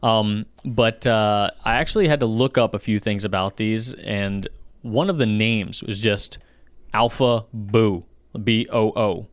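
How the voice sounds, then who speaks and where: A man co-hosting a casual podcast chat, getting animated and jumping up in pitch when excited. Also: measured pace, no echo. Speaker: podcast co-host.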